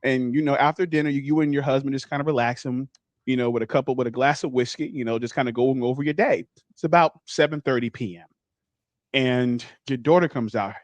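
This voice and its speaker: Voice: mid-range voice, a little fast, no echo. A podcast co-host in casual chat, telling a hypothetical story and acting out the people in it. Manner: animated storyteller, acts out quoted voices.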